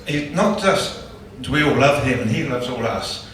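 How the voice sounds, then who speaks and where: A man tells a chatty, joking story at a gala dinner. His voice is bright and forceful, heard from a distance. The big hall gives it a strong, roomy echo. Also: medium pitch, animated, normal speed, slight background noise. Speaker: club chairman giving an award speech. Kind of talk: after-dinner presentation speech. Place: large banquet hall. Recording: echoey hall, distant mic.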